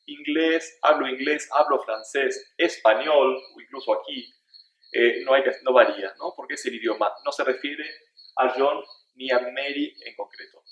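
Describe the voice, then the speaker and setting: A man teaching a beginner Spanish lesson, drilling questions and answers slowly and carefully. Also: medium pitch, fairly bright tone, roomy sound, low-quality recording. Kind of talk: slow-paced language lesson.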